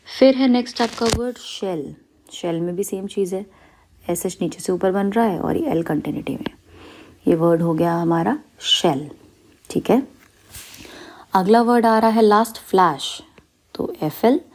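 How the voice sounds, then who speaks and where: Lady steno teacher, lowish mellow voice, goes word by word and keeps checking everyone's clear. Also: a little hiss or hum. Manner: step-by-step, repeats "theek hai" and "clear". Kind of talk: explaining a shorthand lesson.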